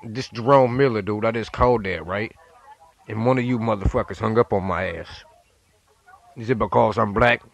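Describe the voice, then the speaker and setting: A man's voice: lowish voice, moderate pace, vocal fry. A man playing a brash, foul-mouthed prank caller. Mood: belligerent. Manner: belligerent, swearing, demanding apologies.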